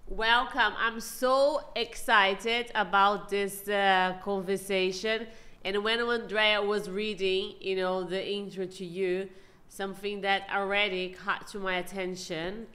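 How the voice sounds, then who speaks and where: A woman's voice: mid-range voice, fairly even intonation, slow, sharp tone. A woman co-hosting a podcast, enthusiastic and effusive, an English speaker. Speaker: podcast co-host. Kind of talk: podcast interview.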